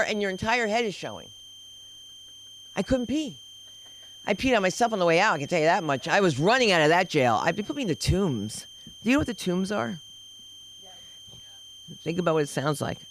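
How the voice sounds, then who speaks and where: Animated older woman comic. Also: medium pitch, a little hiss or hum, rough recording. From Dominican heritage. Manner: animated, shifts voices for characters, exclamatory. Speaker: stand-up comic. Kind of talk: stand-up storytelling. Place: comedy club open mic.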